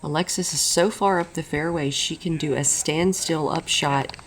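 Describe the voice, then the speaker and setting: Low-voiced woman doing golf-style commentary. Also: steady tone, moderate pace, a little hiss or hum, low-quality recording. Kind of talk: golf-style tournament commentary over footage. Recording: music behind the voice. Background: background music.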